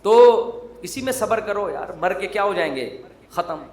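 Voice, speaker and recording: A man's voice: high-pitched, lively intonation, a little mellow. A male Islamic preacher giving a sermon in a joking, teasing, conversational way. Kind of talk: humorous sermon. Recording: roomy echo.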